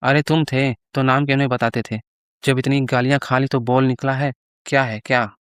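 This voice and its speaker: A sharp-tongued village housewife, as a man reading a story puts her on, scolding in rustic village dialect. The voice sounds clear and resonant, recorded close and dry, storybook style. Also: mid-range voice, flat delivery, moderate pace, no echo, close to an everyday voice. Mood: scornful.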